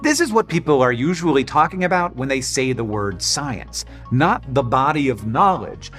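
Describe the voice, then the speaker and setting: A man hosting a scripted educational show, explaining with emphatic, lively delivery. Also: medium pitch. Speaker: host.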